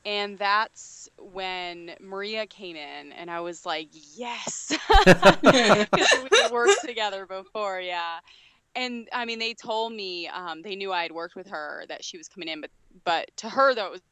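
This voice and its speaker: An actress guest tells how she landed a film role in casual interview storytelling, upbeat and chatty with many fillers. Her medium-pitched voice is expressive and fairly bright, and she talks a little slowly.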